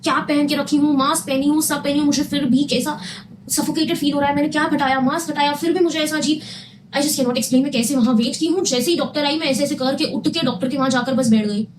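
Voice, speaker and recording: Fast, high-voiced young woman telling her story. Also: fairly even intonation, noisy background. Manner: emphatic, repeats phrases, mixes Hindi with English. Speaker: vlogger telling her own health story. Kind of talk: casual storytime monologue.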